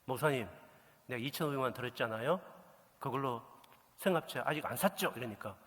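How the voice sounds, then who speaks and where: A middle-aged man preaching a sermon, telling a story and acting out the dialogue with lively energy. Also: medium pitch, brisk. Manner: animated storytelling, acts out quoted dialogue. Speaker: pastor. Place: church sanctuary. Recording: echoey church hall reverb.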